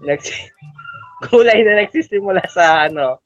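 Lively high-voiced Filipino man, dull sound. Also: a little slow, dry recording, soft background music. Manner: lively, sings jingles playfully. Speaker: podcast co-host. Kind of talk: casual game chat.

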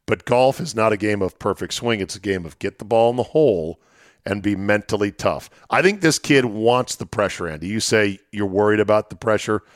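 A man's voice: lowish voice, a little fast, no echo, clean studio sound. A middle-aged man hosting casual sports talk, explaining things in short, listed phrases.

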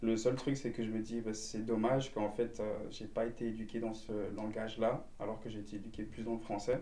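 A man's voice: lowish voice, flat delivery, brisk, dark tone, recorded from a distance. A man from Belgium, a guest in a casual chat, who talks earnestly and leans on slang and fillers. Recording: echoey room.

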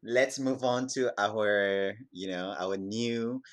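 A man's voice: lowish voice, slow. A man with a Singaporean accent chatting casually in Singlish as a podcast host. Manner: speaks Singlish, with particles like lah and walao. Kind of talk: casual chat.

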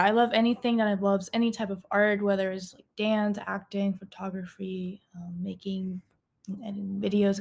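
A woman's voice: medium pitch, vocal fry. A woman in her twenties from Central America hosting a casual podcast, chatty and reading from a script with many ums and laughs. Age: 20s. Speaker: podcast host.

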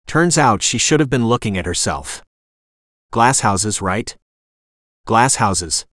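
Narrator doing a cocky slangy young dude, showy, lively voice. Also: male voice, fairly low pitch, takes it slowly, dry recording, clean studio sound, full character voice. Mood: brash. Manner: casual slang, showy, whiny at times. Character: brash young man, cocky slangy prosecutor.

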